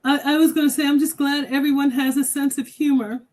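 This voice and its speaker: A woman from Pittsburgh, Pennsylvania, calls in to a livestream. Her voice is high, and she talks politely and hesitantly, often pausing with fillers. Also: fairly even intonation, a little mellow, rough recording. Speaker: caller. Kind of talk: casual call-in chat.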